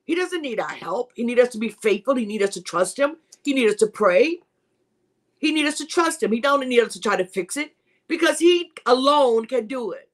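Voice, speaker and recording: Her voice on the high side, expressive and moderately paced, this host and Bible teacher leads a livestreamed devotional. She preaches with emphasis and repetition in a conversational style, calling out viewers by name.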